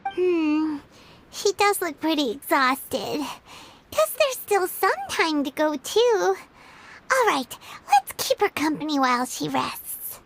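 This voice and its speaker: A woman voicing a tiny, childlike, loyal fairy companion in a video game, with a squeaky, excitable delivery. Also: takes it slowly, a little hiss or hum, full character voice, rough recording. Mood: resigned. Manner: squeaky, exclamatory, refers to self in third person.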